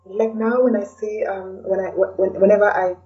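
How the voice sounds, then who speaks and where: A middle-aged Kenyan-accented woman, a blogger and podcaster guesting on a podcast, answers interview questions reflectively and hesitantly, often saying "you know." Her medium-pitched voice moves little and keeps a moderate pace. The audio is dull and lo-fi, from a distant mic.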